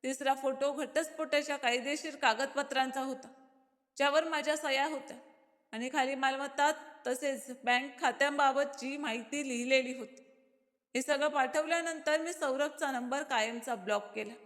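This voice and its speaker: A woman reading a first-person story aloud in a steady, dramatic way. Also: high-pitched, normal speed. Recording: long hall reverb.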